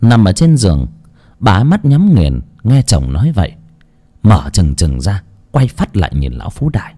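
A man narrating a dark folk story in a dramatic, animated way. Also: lowish voice, normal speed.

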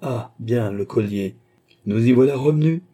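A man with a dark, husky voice reading a haughty, teasing queen in an audiobook, raising his voice a little for her. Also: mid-range voice, normal speed, close to an everyday voice. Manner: teasing, laughing, grand. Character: haughty, mocking adult woman queen.

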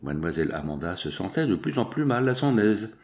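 Low, gravelly male novel reader. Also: big pitch swings, a little fast, a little mellow. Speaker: audiobook reader. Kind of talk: reading a classic novel aloud.

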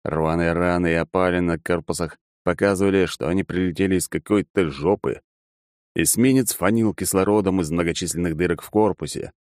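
A man's voice: deep voice, brisk, dry recording, studio quality. A man reading a story aloud in a wry, sarcastic manner. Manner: wry, sarcastic, lively delivery. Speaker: audiobook reader. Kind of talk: scripted narration.

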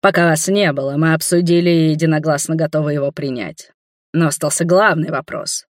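An audiobook reader voicing a proud, booming male king in a fantasy novel, loud and solemn. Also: steady tone, brisk, no echo, studio quality, close to an everyday voice.

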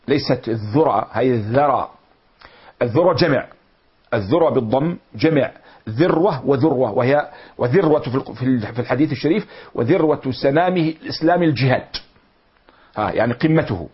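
Husky-voiced man lecturing. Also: mid-range voice. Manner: explains slowly, repeating and glossing words. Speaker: teacher. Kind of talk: lecture explaining classical poetry. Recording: dull lo-fi recording.

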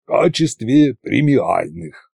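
A man voicing a bossy, scheming old male tsar in an audiobook, slow and commanding in a folksy way. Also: medium pitch, very animated, gravelly, darkish tone, slightly rough, no room sound, studio quality, heavily acted. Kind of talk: audiobook character reading.

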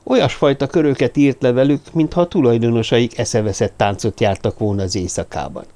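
A man reading a suspense novel aloud as audiobook narrator, steady and suspenseful. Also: mid-range voice. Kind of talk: scripted narration.

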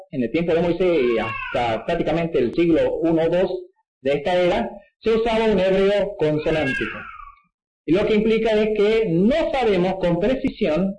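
High-voiced man teaching in an echoey room. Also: mellow. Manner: didactic, frequent checking "¿sí?" asides. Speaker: preacher teaching at a whiteboard. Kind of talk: explanatory Bible teaching.

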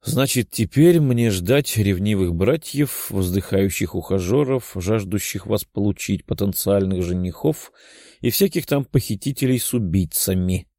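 A man's voice: fairly low pitch, animated, a little slow, dark tone, dry recording. A man voicing a wry young man who can turn into a demon, talking in a dry, resigned way.

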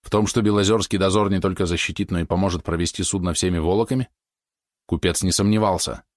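A man reading a historical novel aloud as audiobook narrator, measured and steady. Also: sits low, no room sound, studio quality.

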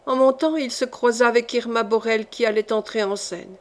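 A woman reading a classic novel aloud as an audiobook narrator, in a measured, clear storytelling manner. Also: on the high side, steady tone. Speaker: audiobook reader.

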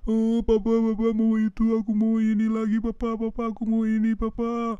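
A man's voice: high-pitched, completely flat delivery, moderate pace, warm tone, clear, resonant tone, no room sound, highs cut off, voice pushed up, natural voice. A man voicing a small child who whines and pleads with his father for a toy, repeating himself. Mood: whining. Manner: whiny, pleading, repetitive.

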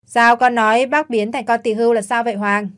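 A woman voicing a lively, joking young man who talks fast and loud. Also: on the high side, lightly acted. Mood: teasing. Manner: quick, loud and breezy.

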